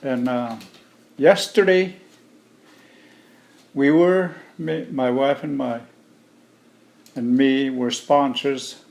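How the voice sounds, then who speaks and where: A middle-aged man from Alaska, a native Yupik speaker, answering interview questions in a plain, measured way. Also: mid-range voice, steady tone, vocal fry, a little mellow. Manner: slow, plain-spoken, measured. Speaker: interview guest. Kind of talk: relaxed conversational interview.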